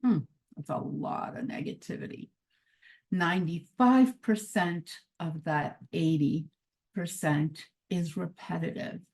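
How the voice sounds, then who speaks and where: A middle-aged woman with a lowish, somewhat dark voice speaks slowly in an upbeat motivational talk as a mindset coach. Born in Croatia and speaking Croatian first, she now lives in Canada, and she laughs often and repeats phrases for emphasis.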